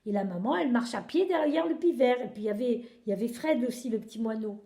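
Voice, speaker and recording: A woman improvising a children's story, animated and expressive, pausing now and then to find words. Her voice sits a little high yet mellow and dark. The room around her is echoey.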